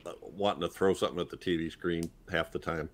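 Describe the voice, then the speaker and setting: A man on a film review panel, telling a scene in an animated, exasperated way. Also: deep voice, fast, over a noisy crowd. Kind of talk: casual podcast film discussion.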